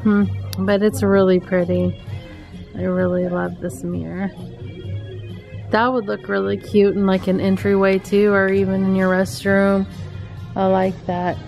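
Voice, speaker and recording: A middle-aged woman vlogs chattily from a home decor store, gushing about cute items into her handheld camera's mic. She speaks at a measured pace with flat delivery, vocal fry and a darkish mid-range tone, with faint music behind.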